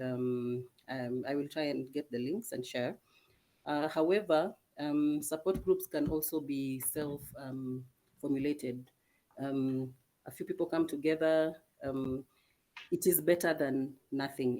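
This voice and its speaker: Soft-spoken, hesitant woman dermatologist. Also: very deep voice. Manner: measured, many hesitant ums, soft-spoken. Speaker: dermatologist guest. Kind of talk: answering questions in a webinar panel. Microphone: video call.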